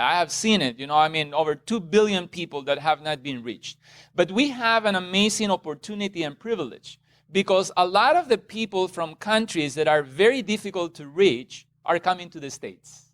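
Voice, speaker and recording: A middle-aged man from Ecuador leads a church seminar for a small group in a meeting room. His voice sits high and sounds smooth and clear. The sound is dry and close, with little room echo. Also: fairly bright tone. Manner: conversational, checks in with the audience often. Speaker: seminar presenter.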